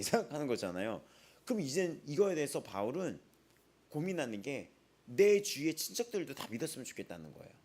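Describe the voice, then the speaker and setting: Lively-voiced pastor preaching conversationally. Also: male voice, medium pitch, husky. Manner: chatty, asks the congregation frequent rhetorical questions; retells stories with repetitive, emphatic phrasing. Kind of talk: conversational sermon at a dawn prayer service.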